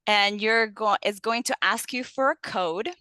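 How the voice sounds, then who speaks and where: Speaking unhurriedly in a mid-range voice, a young adult Colombian woman gives an online presentation to teachers as a guest speaker and teacher trainer. Her voice is pushed and bright with a clean tone on a dry recording, and she's friendly and explanatory, saying "um" often.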